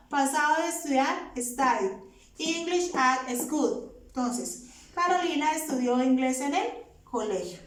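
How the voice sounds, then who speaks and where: High-voiced teacher, echoey room. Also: female voice, distant mic. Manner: patient, asks questions and answers them. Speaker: English teacher. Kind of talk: explaining grammar to students.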